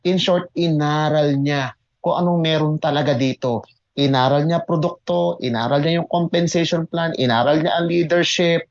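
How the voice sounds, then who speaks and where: A man who mentors in network marketing tells his own story to an online audience, excitable and emphatic, often repeating words and switching between Tagalog and English. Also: fairly high pitch, moderate pace, dull audio. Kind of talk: motivational testimony to an online audience.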